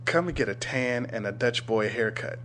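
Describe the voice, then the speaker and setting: A man's voice: medium pitch, expressive, normal speed, fairly bright tone, slight background noise. A man hosting a podcast, chatting casually and jokingly about fandom in a slangy, profane way. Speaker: podcast host. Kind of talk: casual joking fan chat.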